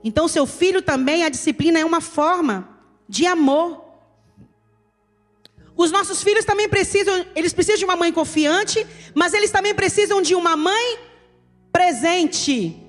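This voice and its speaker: A woman's voice: very high-pitched, moderate pace. A woman pastor with a Brazilian accent, preaching an emphatic sermon and addressing her listeners as "querido". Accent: Brazilian Portuguese. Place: church hall. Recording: reverberant church hall with soft music.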